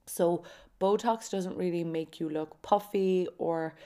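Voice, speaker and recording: This podcast host is a woman in her twenties from County Kerry in southwest Ireland, and her accent shows it. Her voice is lowish, mellow and clean, with fairly even intonation and a slow pace. She chats casually and confidingly on her own, sharing personal stories with listeners.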